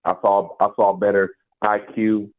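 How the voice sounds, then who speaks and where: A man's voice: lowish voice, little pitch movement, unhurried. A man calling in to a sports radio show over a phone line, venting in a casual, emphatic way. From Nashville area, US South. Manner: emphatic, frustrated fan venting. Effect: caller heard over a phone line. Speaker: call-in radio caller. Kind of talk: casual call-in sports talk.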